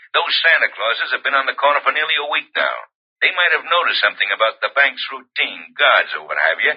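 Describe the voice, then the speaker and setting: An actor playing a brusque, impatient police inspector on the telephone in an old radio drama. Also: male voice, mid-range voice, breathy edge. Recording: muffled vintage radio, telephone scene.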